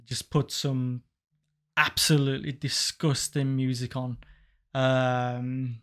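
A young man co-hosts a casual podcast from a small home studio, telling crude stories in a laid-back chat. His mid-range voice is slow, flat, fairly bright, clear and resonant, recorded on a boom-arm studio mic while he wears headphones.

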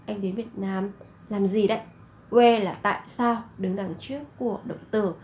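Female Korean tutor, higher pitch, patient slow drills with repetition. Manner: repeats Korean phrases slowly, then explains in Vietnamese. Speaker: Korean language teacher. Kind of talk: slow explanatory lesson narration.

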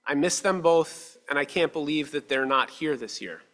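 A male rabbi in his thirties giving a measured, earnest sermon at a lectern with a stand mic, slowing down for emphasis. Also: fairly high pitch, fairly bright tone. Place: synagogue sanctuary, at a lectern. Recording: long reverb of a sanctuary hall.

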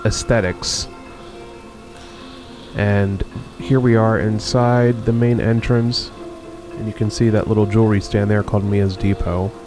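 A low-voiced man hosts a video tour of a shuttered mall, narrating the walkthrough casually. He's unhurried and reflective, filling pauses with plenty of ums and uhs.

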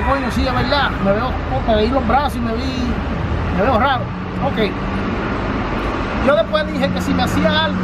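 A man in his thirties from the Dominican Republic, with a Dominican Spanish accent, earnestly explaining things to his channel's viewers in a casual vlog, filmed outdoors beside a storefront. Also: extremely high pitch. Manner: earnest, repetitive, addresses viewers directly. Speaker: family channel host. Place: outdoors by a storefront on a city street. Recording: street noise outdoors. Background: city traffic.

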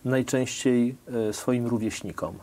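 A man's voice: medium pitch, fairly even intonation, unhurried, darkish tone. Middle-aged male interviewer, summarizing questions. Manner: questioning, summarizes guests' answers. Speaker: host. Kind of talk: studio interview. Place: TV studio.

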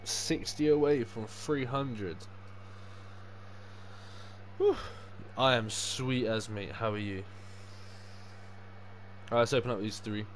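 A young man with a fairly low voice talks casually as he livestreams a game. His speech is loose, sweary and packed with matey slang. There is clear background noise and game ambience under his voice. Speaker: livestreaming gamer. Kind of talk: casual livestream gaming chat.

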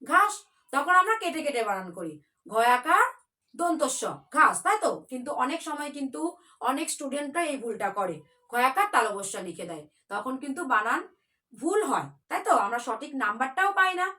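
A woman's voice: sits high, big pitch swings, fairly quick, sharp tone. A woman teaching a children's spelling class in a patient, coaxing way, spelling words out letter by letter.

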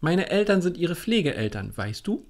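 A man puts on an earnest, upset teenage schoolgirl in a storybook reading, her voice pitched above his own. She speaks with urgency and a lively rise and fall. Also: normal speed. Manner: earnest, dropping into a whisper.

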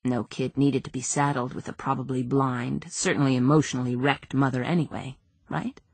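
A woman narrating an audiobook in a measured, subdued reading. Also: rumbling low, level tone, a little mellow, husky, no echo. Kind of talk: scripted narration.

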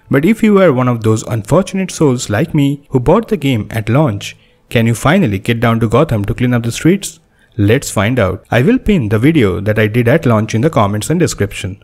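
A young Indian-accented man reads his game review voice-over in a dry, deadpan tone. His voice sits at an ordinary middle pitch, and his jokes come out sarcastic and self-mocking. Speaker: gaming channel host.

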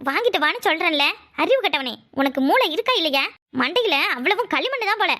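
Woman playing a bossy young village wife, very high bright voice, rapid-fire orders and retorts, cartoon. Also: big pitch swings, full character voice. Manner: bossy, scolding, quick retorts. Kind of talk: cartoon voice acting.

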